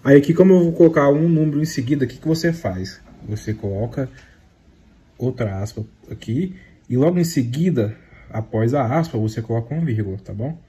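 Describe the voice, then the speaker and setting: A young man with a Brazilian Portuguese accent speaks at medium pitch, fairly quickly, in slightly rough audio. He explains beginner coding step by step in a casual, chatty way, repeatedly tagging lines with "tá?" and "né?", and ends with a slangy, excitable outro.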